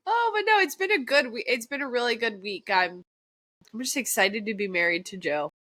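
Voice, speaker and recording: A young woman co-hosting a casual podcast chat, her voice nasal and congested from allergies, chatty and quick to laugh. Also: on the high side, dry recording. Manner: lively, chatty, laughs often. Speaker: podcast co-host.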